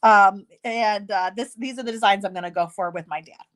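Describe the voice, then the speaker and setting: Leading an easygoing card-making tutorial, this woman talks a little quickly at a medium pitch. Her chatty, self-deprecating delivery comes through a slightly hoarse, congested voice.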